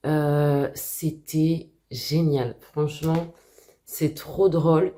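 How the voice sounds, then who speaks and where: A woman chatting casually to camera as a book vlogger at home, hesitant and full of filler pauses. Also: low-pitched, level tone, warm tone.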